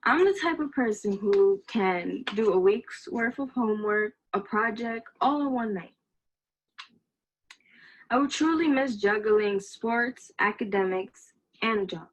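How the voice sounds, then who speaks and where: A woman's voice: medium pitch, unhurried, a little hiss or hum, rough recording. A young woman, a graduating senior and class president, giving a playful, self-mocking graduation speech. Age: young adult.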